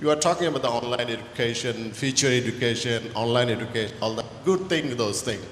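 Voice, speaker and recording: A man's voice: mid-range voice, fast talker, fairly bright tone. A man, a university founder, earnestly pressing a panel with a question at a conference. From Bangladesh. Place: large conference hall. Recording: echoey hall with long reverb, faint room noise.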